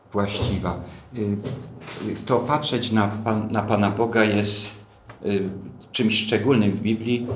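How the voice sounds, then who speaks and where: Man preaching, low voice, slow deliberate delivery, rhetorical questions, roomy echo, faint hum. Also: gravelly. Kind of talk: teaching sermon, Bible study. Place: church hall.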